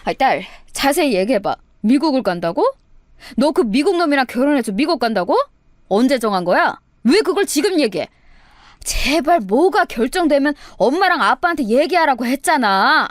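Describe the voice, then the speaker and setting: A woman voicing an exasperated, nagging middle-aged mother who scolds loudly and sighs dramatically. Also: high voice, very animated, normal speed, dry recording, studio quality. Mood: scolding.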